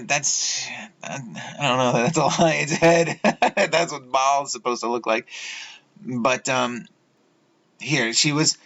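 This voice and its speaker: A man hosting his own video, talking in a halting, rambling way with many fillers and restarts as he goes through pictures. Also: mid-range voice, a bit bright. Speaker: video host. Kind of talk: rambling solo video talk over images. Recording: dull lo-fi audio.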